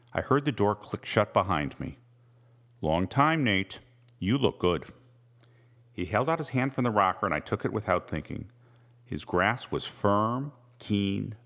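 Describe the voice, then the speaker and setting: A man reading a first-person novel aloud with measured, wry storytelling. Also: sits low, a bit bright. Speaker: audiobook narrator. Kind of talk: scripted first-person narration.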